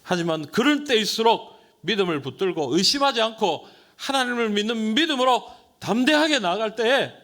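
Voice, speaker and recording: A male pastor preaching a sermon and posing questions to his congregation. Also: mid-range voice. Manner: animated, rhetorical questions to the congregation. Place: church sanctuary.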